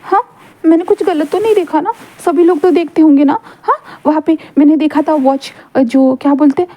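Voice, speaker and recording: A woman's voice: high voice, moderate pace, mellow, lightly acted. Woman doing a whiny childish young man. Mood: earnest pleading. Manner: pleading, rambling, many fillers.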